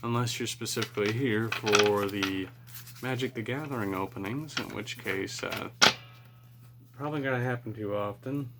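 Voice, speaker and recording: A man's voice: fairly low pitch, normal speed, heavy background noise. A man chatting casually and unscripted as he hosts a card-pack opening video, musing in a rambling, self-deprecating way. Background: cards being shuffled.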